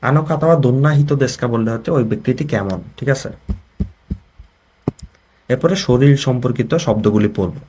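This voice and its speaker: A man's voice: medium pitch, fairly quick, long pauses, mellow, slight background noise. A man with a Bangladeshi accent teaching a Japanese vocabulary lesson. He explains each word, reads an example sentence and translates it, often checking that the learners follow.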